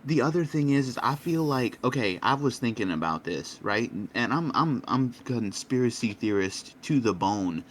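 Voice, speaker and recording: A man on a podcast, chatting casually and laying out his theories in an animated way. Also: medium pitch, moderate pace, few pauses, a little hiss or hum. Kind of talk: casual chat.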